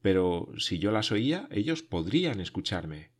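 A man reading a first-person adventure story aloud, in a measured, dramatic way that sinks to hushed tones. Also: low voice, big pitch swings, slightly rough. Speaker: audiobook narrator. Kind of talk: first-person literary narration.

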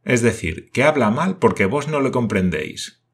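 A man reading an audiobook and voicing a calm, dryly ironic army major. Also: mid-range voice, moderate pace, slightly rough. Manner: calm, dry irony. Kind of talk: audiobook character voice.

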